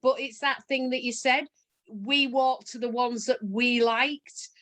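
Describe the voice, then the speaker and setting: Woman, interview host, chatty, rambling, somewhat high voice. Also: steady tone, a little slow, fairly bright tone. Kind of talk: casual interview chat.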